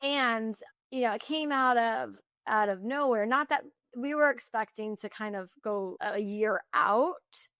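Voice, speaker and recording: Quick-talking woman founder, chatty. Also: on the high side, smooth, dry recording, studio quality. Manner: fast, animated, full of restarts and "like". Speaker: founder and guest. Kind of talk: candid business interview.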